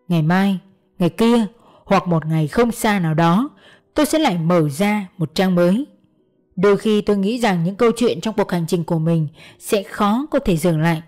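A woman narrating a first-person crime audiobook in a calm, measured manner. Her voice is dark and mellow, with faint music playing underneath. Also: mid-range voice.

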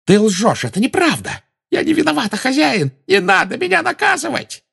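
A man voicing a frantic, fanatical witch who shrieks and pleads in a shrill, squealing voice, in an audiobook reading. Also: big pitch swings, unhurried, creaky, husky, full character voice. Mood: shrieking.

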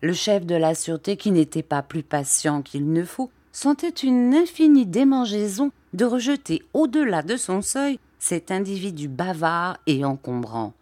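A woman reading a novel aloud as an audiobook narrator, in a measured, unhurried way. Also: fairly low pitch, big pitch swings, dark tone. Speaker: audiobook reader.

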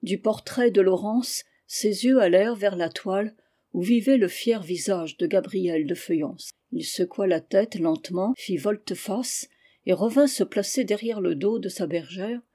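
A man reading a classic novel aloud in a measured, literary way. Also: sits high, warm tone, husky. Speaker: audiobook reader. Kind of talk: scripted narration.

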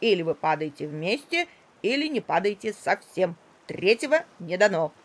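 A woman's voice: on the low side, sing-song, normal speed. A woman voicing a practical, bossy male parrot who speaks in a firm, commanding way. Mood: matter-of-fact, bossy.

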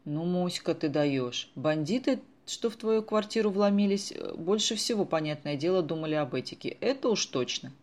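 A reader voicing a sharp-tongued teenage girl in a storybook who speaks in a sarcastic, indignant way. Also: medium pitch, expressive, moderate pace, few pauses, close to an everyday voice.

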